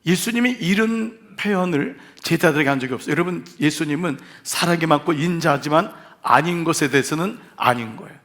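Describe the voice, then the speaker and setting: A male pastor preaching an evening revival sermon in a church sanctuary. His voice sits a little higher than most men's, and he plays out quoted speech with dramatic swings between loud and soft. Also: a little fast, few pauses. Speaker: senior pastor.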